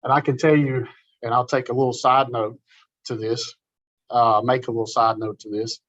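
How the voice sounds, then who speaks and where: A middle-aged man giving an informal, animated conference talk, folksy and storytelling. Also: medium pitch, moderate pace, no room sound, dull audio. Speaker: conference presenter. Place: meeting room.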